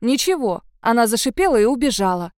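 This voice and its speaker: A woman reading an audiobook voices the restless ghost of a young witch girl, talking high, quick and defensive. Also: very animated, darkish tone, dry recording, clean studio sound. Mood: anxious.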